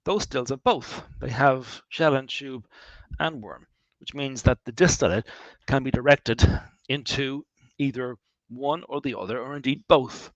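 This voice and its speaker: A man's voice: mid-range voice, measured pace, no room sound, highs cut off. Chatty Irish man giving a distillery tour. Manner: chatty and animated, wry asides, thinks aloud with restarts. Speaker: distillery founder leading a tour. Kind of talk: guided tour talk, answering questions.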